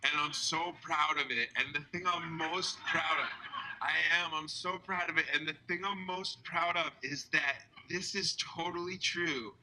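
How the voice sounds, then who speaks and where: A man joking as a talk show guest, delivering mock-earnest accusations in a deadpan way. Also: a little high, measured pace, a little hiss or hum, low-quality recording. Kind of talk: comedic talk show banter.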